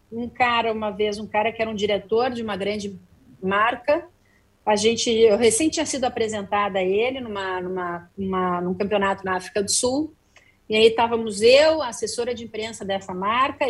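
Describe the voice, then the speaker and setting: A woman's voice: on the high side, moderate pace. A middle-aged woman, a guest journalist telling stories in an interview, acting out the dialogue. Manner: animated, acts out quoted dialogue. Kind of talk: interview storytelling. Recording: slightly distant from the mic.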